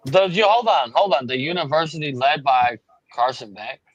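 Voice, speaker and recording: A man's voice: on the high side, moderate pace, lo-fi sound, crowd noise. A man on a sports panel chatting casually in blunt, slangy, sweary talk.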